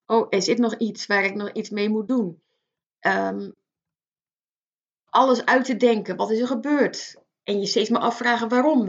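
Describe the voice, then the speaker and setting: Woman doing a self-help pep talk, earnest, kinda high voice, dull lo-fi sound. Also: vocal fry. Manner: earnest, direct, speaking straight to the listener. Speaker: life coach.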